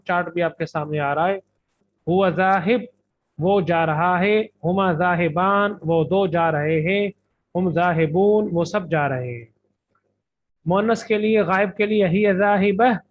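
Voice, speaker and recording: Male grammar teacher, Urdu accent, high voice, drills lists slowly; tinny lo-fi lecture recording. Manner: methodical, drills word lists slowly with translations. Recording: tinny phone-like lo-fi audio.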